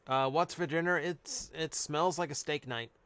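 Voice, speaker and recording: A man's voice: a little high, normal speed, fairly bright tone, smooth, no echo. A man chatting casually on a live stream, reading out cards and answering chat. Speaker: streamer opening card packs.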